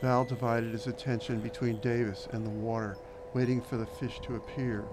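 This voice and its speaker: A man reading an audiobook in a measured, descriptive narration. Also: mid-range voice, level tone, background noise. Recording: narration over background music.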